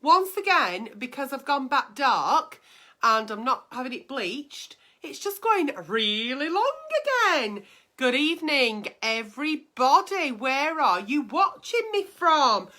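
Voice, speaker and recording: A woman's voice: high voice, lively intonation, slow, bright, forceful tone. A woman hosting a chatty livestream in a campy, theatrical, cheeky auntie manner. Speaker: host of a live online advice show. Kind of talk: chatty livestream, reading out viewers' messages. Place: bedroom at home.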